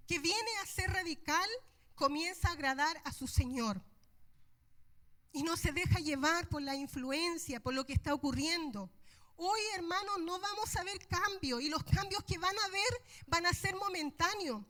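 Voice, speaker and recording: A woman's voice: extremely high pitch, expressive, measured pace, a bit bright. A middle-aged woman preacher delivering an impassioned, emphatic sermon.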